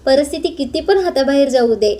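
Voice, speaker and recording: A woman's voice: high-pitched, lively intonation, a little fast, warm tone. A woman reading as a smug scheming brother. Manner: smug, self-assured. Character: scheming elder brother, middle-aged man, smug.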